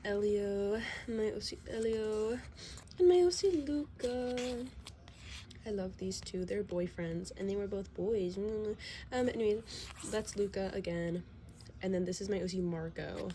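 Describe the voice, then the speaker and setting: At home, a teenage girl vlogger rambles casually through a sketchbook tour, full of fillers and self-deprecating asides. She has a slight cold and sniffles a little; her mid-range voice is unhurried and mellow, with slight background noise.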